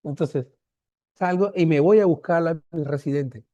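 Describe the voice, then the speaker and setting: A Peruvian man in his fifties, a doctor lecturing, telling a case story and acting out the dialogue with lively voices. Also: a little high, normal speed, no room sound, highs cut off. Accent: Peruvian Spanish. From Peru. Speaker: medical lecturer. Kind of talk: anecdote in an online lecture.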